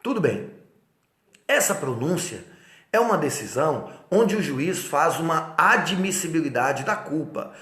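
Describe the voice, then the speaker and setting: A man's voice: on the high side, big pitch swings, unhurried, sharp tone, roomy sound. A man with a Brazilian Portuguese accent giving an exam-prep law lecture, stressing key points and checking in with rhetorical questions. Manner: emphatic, repeats key points, asks rhetorical check-ins.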